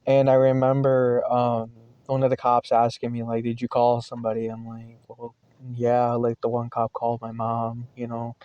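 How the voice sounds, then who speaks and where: Young adult man, casual storyteller, mellow dark voice, dry close sound, rambling delivery with lots of fillers. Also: medium pitch, smooth, no room sound. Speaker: vlogger.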